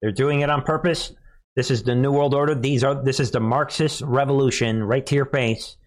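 A news commentary host from the United States speaks derisively and forcefully on live politics, reusing phrases for emphasis. His medium-pitched voice has fairly even intonation and a normal speed.

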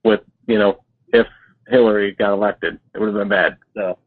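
A man from Detroit calling in on speakerphone to a radio show, talking haltingly with many fillers and restarts. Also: fairly low pitch, fairly even intonation. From Detroit, United States. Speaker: caller. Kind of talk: call-in radio chat. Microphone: phone on speakerphone. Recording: tinny phone line on speakerphone.

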